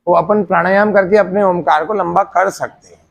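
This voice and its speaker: A man teaching a meditation class, explaining each step slowly and asking again and again whether his students have understood. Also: high voice, steady tone, gravelly, highs cut off.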